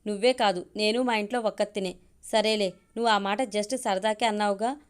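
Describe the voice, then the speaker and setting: A woman voicing a quick-tempered, spirited young woman in a spoken audio story. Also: mid-range voice, lightly acted. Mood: pleading.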